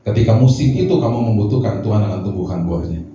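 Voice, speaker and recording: A middle-aged man, a pastor, preaching a lively sermon full of slangy asides and rhetorical questions. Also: on the low side, fast. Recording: echoey hall from a distant mic, dull sound, music behind.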